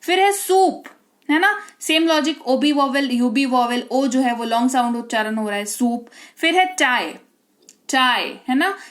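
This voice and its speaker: Indian lady teacher, high voice, walks thru spelling rules and keeps asking ok? got it?. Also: lively intonation, unhurried, a bit bright. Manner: explains step by step, keeps checking understanding. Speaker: English teacher. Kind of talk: teaching pronunciation lesson.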